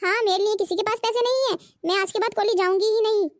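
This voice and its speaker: A woman's voice: very high-pitched, steady tone, fast, a little hiss or hum. A woman voicing a sulky, demanding young college girl in a cartoon. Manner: whiny, sulky. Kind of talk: cartoon voice acting.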